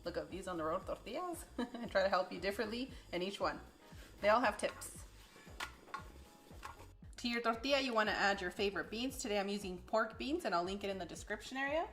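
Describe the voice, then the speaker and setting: A woman's voice: medium pitch, expressive, a little fast, fairly bright tone, reverberant, faint music behind. Woman, cooking show host, upbeat, chatty, home kitchen demo. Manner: upbeat, chatty, laughs often. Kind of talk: casual cooking demonstration.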